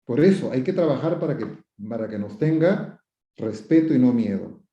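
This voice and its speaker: An expressive man with a mid-range voice at normal speed answers viewers' questions as a psychotherapist offering advice. He explains with plenty of repetition and rhetorical questions, quotes the askers and acts out example phrases, in a roomy recording with dull lo-fi sound.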